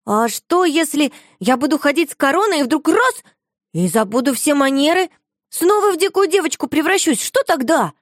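A woman's voice: high-pitched, sing-song, moderate pace, no room sound, studio quality, voice pushed up. A woman voicing a wild, blunt little cavegirl who exclaims shrilly and pushes her questions. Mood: excited.

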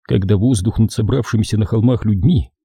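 Husky, dark-voiced male audiobook narrator. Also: on the low side, brisk, no room sound, clean studio sound. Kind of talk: scripted narration.

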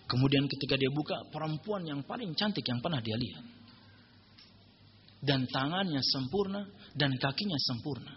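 A male Islamic preacher telling a story in a humorous religious lecture, joking and animated. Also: medium pitch, a little slow, long pauses, muffled recording, slight background noise.

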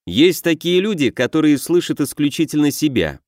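A man reading a first-person audiobook with brisk, wry storytelling. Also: fairly high pitch, sing-song, a little mellow, no echo, clean studio sound. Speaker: audiobook narrator. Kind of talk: scripted first-person narration.

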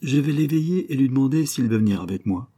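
A man reading aloud plays a self-assured young dandy who speaks with composure and quiet command. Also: medium pitch, animated, quick pace, slightly rough, voice pushed up.

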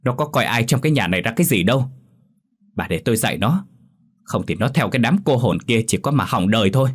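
A man's voice: mid-range voice, expressive, breathy edge. Man doing a furious, drunken father. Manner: fast, furious scolding. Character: angry drunken father, middle-aged, hot-tempered.

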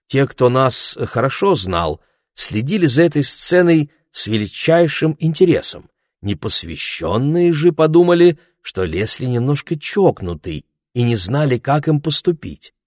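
A man narrating an audiobook in an expressive storytelling voice. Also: mid-range voice, no echo, clean studio sound. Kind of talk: scripted narration.

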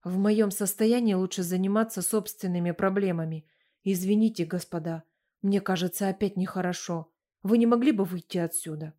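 A feeble old lord lies ill, speaking in a hoarse, low, quiet voice that drags with exhaustion. A woman narrator voices him in a spoken audiobook, dropping her pitch and softening her tone. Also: fairly even intonation, lightly acted. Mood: weak. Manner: slow, weary, sighing. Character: ailing elderly English lord, weak, bedridden.

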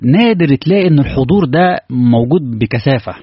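A man with an Egyptian Arabic accent preaches quickly and earnestly, firing rhetorical questions at his congregation. His voice is husky and dry, close to the mic. The recording sounds dull and lo-fi. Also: medium pitch, expressive, no echo. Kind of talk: conversational sermon.

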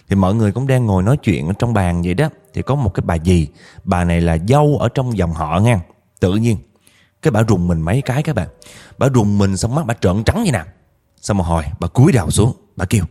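Low, mellow-voiced man telling ghost stories. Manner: chatty, addresses listeners directly. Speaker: storyteller. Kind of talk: casual ghost story narration.

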